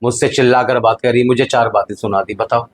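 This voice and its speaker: A middle-aged man acting as an elder brother and husband in a family drama, speaking in a calm, reasoning way that sometimes sinks quiet. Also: mid-range voice, fairly quick, breathy edge, natural voice.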